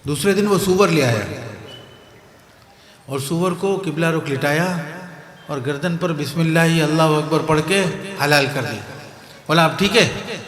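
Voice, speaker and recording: This guest preacher is a Pakistani man speaking with a Pakistani Urdu accent, his voice fairly high and a bit bright, with frequent pauses. At a religious gathering he tells parables, repeats key phrases, and keeps asking the crowd whether they understand, all in a roomy, big-room sound.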